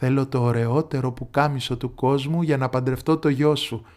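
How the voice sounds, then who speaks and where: A man's voice: mid-range voice, fairly even intonation, darkish tone, close to an everyday voice. A man voicing a clever young bathhouse girl in a storybook tale, speaking in pleading exclamations. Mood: composed.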